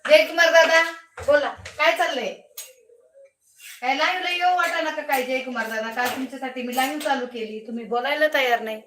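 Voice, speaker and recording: A woman's voice: high-pitched, a little fast, a bit bright, distant mic. A woman hosting a casual live stream from her home kitchen, teasing and calling out to viewers by name. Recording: echoey room, faint background noise.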